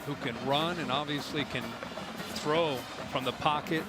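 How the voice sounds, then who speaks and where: A man's voice: a little high, fairly even intonation, a little slow, over loud music. A man giving conversational football analysis in live commentary, emphatic and repeating himself.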